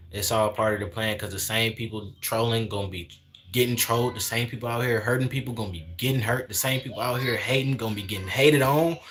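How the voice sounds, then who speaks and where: A man's voice: medium pitch, a bit bright. A man in his twenties chatting casually on a livestream, preaching in a repetitive way and sprinkling in "man" and "y'all". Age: 20s. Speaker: livestream host.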